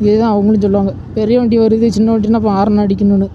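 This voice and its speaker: A man's voice: high voice, flat delivery, very fast, a little hiss or hum. Chatty Tamil-accented man, muffled outdoor recording. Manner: chatty, addresses viewers politely. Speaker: travel vlogger. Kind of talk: casual ride commentary. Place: outdoors on a hill road.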